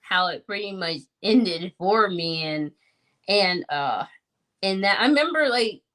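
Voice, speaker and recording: A woman's voice: mid-range voice, expressive, unhurried, a bit bright. A woman in her thirties recounts her own story in a podcast chat. She talks earnestly and reflectively, leaning on "like" and "you know" as she goes. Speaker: guest sharing her story. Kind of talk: personal testimony in podcast conversation.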